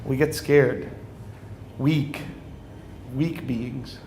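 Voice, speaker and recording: Animated man telling a funny story. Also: mid-range voice, drawn-out words, slight background noise. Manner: animated, acts out dialogue, often laughs. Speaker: religious speaker. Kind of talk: humorous personal storytelling to an audience.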